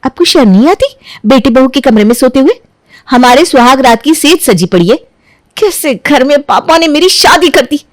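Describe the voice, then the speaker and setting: A woman plays a pampered young bride in a cartoon drama, shrill and high-pitched, full of sarcastic complaints. The voice sits close and dry, with no reverb. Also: lively intonation, normal speed. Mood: indignant. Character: spoiled, rude young rich bride.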